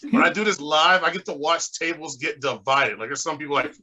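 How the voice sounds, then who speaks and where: A man's voice: a little high, a little fast, sharp tone, rough recording. A man from Texas with a Texan accent doing a laid-back, chatty stand-up set over a video call, laughing at his own jokes. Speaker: stand-up comedian.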